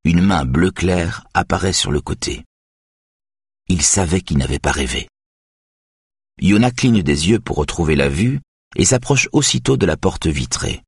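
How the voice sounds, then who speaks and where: A man reading a crime novel aloud as narrator, in a steady, even way. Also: low voice, measured pace, husky, no echo, studio quality. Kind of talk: audiobook narration.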